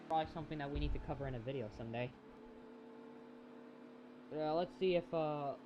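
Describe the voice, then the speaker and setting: A man's voice: medium pitch, a little mellow, highs cut off, slight background noise. A man giving casual live-stream commentary on a race, chatty and rambling, talking to his chat viewers.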